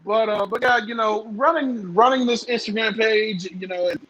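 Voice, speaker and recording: A man's voice: high voice, normal speed, fairly bright tone, low-quality recording. A man in his thirties from the southern United States, chatting loosely as a podcast guest with lots of fillers. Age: 30s. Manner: rambling, lots of fillers, laughs often. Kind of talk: casual podcast chat.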